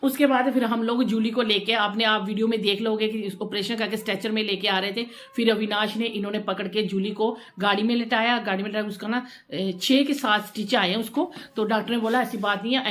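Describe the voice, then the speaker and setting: A chatty woman vlogger speaks in a casual, emotional way. Her pitch sits in an ordinary middle range, and she tends to repeat phrases as she talks. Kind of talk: casual home vlog chat.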